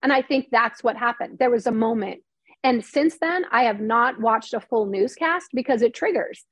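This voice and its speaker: A woman's voice: fairly high pitch, animated, normal speed, breathy edge, no echo. A middle-aged woman, a former TV news reporter and now a novelist, talking candidly in an interview and peppering her story with "like" and "you know". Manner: chatty, heavy use of "like" and "you know", acts out quotes; earnest and candid. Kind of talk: emotional personal storytelling in conversation.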